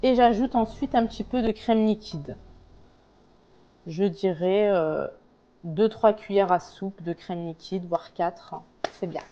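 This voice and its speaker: Female home cook, unhurried and explanatory, mellow tone, informal recipe walkthrough. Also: mid-range voice, highs cut off. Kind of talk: casual cooking tutorial, talking through steps.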